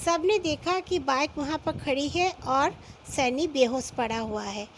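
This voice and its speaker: A woman narrating a listener's ghost story in an unhurried storytelling manner, acting out short quoted lines as she goes. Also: high voice, a little hiss or hum, low-quality recording.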